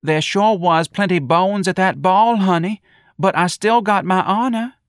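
A man voicing a slow-witted, sighing woman dancer in a read-aloud story. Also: sits high, dry recording, studio quality, pitched above the performer's own voice. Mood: hopeless. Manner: slow, drawling, hopeless.

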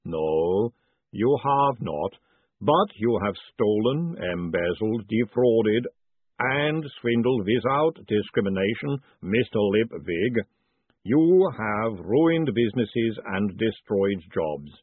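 A man voicing a calm, literal-minded male clay golem with a slow, rumbling, formal way of speaking. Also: slightly rough, dry recording, exaggerated voice. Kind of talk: audiobook narration. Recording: dry, phone-like narrow band.

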